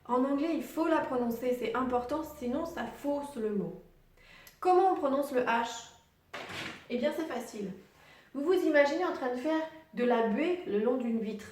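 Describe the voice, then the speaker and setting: A woman teaching English pronunciation online, spelling out letter sounds slowly and patiently and putting questions to the viewer. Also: high-pitched, animated, a little mellow, far from the mic. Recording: very echoey room, voice set back from the mic.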